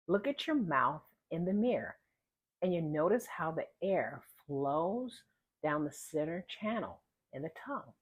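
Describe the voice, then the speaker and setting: Female pronunciation coach: unhurried, lively intonation, slightly husky, with exaggerated, deliberate articulation for drills. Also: on the low side. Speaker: pronunciation teacher. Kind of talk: instructional pronunciation lesson.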